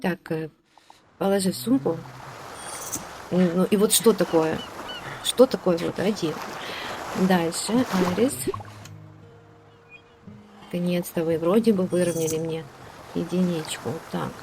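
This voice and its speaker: A woman's voice: on the low side, measured pace, pauses often, warm tone, soft background music. A woman giving casual gameplay commentary, chatting along and ordering her game characters around, with hesitant fillers. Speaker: let's play host.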